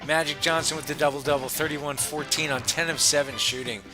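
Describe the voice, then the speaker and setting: A man's voice: on the high side, steady tone, fairly quick, music in the background. A man casually commenting on a basketball video game, laughing often and rattling off player stats. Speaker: gaming channel host.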